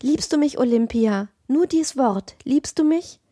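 A woman's voice: high-pitched, lively intonation, measured pace, dark tone, no room sound, clean studio sound, pitched above the performer's own voice. A woman voicing a young male student who is feverishly in love, pleading ardently in a raised voice. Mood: rapturous.

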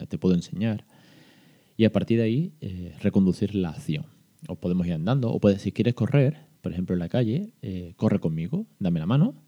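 A man hosts a parenting podcast, with a low and very dark voice. He talks in a chatty, patient way, full of fillers and restarts as he explains. The recording sounds dull and lo-fi. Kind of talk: casual reflective monologue.

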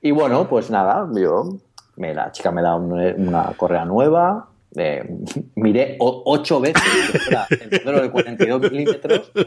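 A man's voice: mid-range voice, very animated, moderate pace. A man hosting a podcast, telling a rambling, self-mocking story with lots of laughter and restarts. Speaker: podcast host. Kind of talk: casual storytelling chat.

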